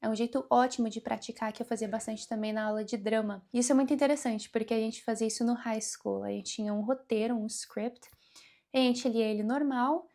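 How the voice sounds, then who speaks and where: A young woman giving a casual English lesson, speaking slowly and deliberately and mixing English words into her speech. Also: fairly high pitch, fairly even intonation, mellow. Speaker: English teacher.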